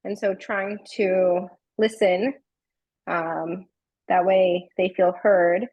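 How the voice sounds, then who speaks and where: Woman participant, measured and thoughtful, breathy edge, dry recording. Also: lowish voice, level tone, no echo, highs cut off. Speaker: workshop participant. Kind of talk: group discussion.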